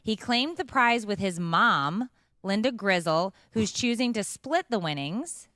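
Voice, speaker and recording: A woman's voice: medium pitch, animated, unhurried, a bit bright, no room sound, studio quality. A woman co-hosting a morning show, reading local news with joking asides. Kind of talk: casual chat, reading news segments.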